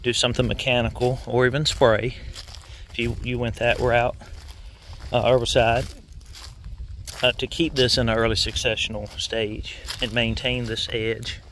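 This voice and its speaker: A man giving a relaxed, rambling outdoor walkthrough of woodland, pausing with fillers. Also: medium pitch, a little hiss or hum. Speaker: interviewer and narrator. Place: outdoors in pine woods.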